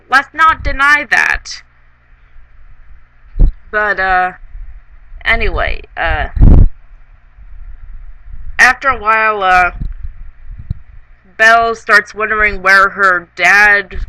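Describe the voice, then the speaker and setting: A tipsy-sounding comedic reviewer of ambiguous sex giving a casual movie recap, rambling and halting, trailing off between thoughts. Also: medium pitch, bright, forceful tone, poor audio.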